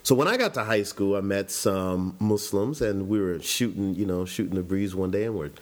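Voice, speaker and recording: A man's voice: sits low, normal speed. A man in his forties from Chicago, reflectively telling his life story in an interview. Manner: reflective, conversational, with frequent restarts.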